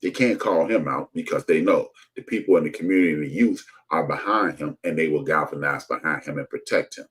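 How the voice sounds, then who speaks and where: A man's voice: very deep voice, brisk, few pauses, a bit bright, poor audio. A man giving an impassioned commentary monologue, hammering points through repetition with frequent restarts. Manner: preachy, repetitive rhetorical emphasis with frequent restarts.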